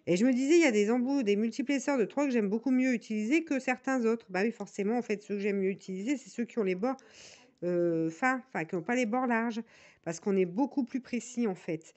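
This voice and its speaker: This woman's voice is fairly high, brisk, and a little mellow, with a northern French (Nord) accent. A diamond painting vlogger from northern France, she chats to viewers in a loose tutorial, showing her crafting tools amid fillers, restarts, and asides.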